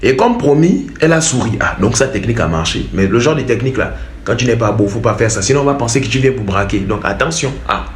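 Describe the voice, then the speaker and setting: Casting note: male host, jokey storytime commentary, animated delivery, recorded in a roomy space. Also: mid-range voice, quick pace, slight background noise. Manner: animated, joking, laughs at his own remarks. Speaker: host reading and commenting on a viewer's dating story. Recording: echoey room.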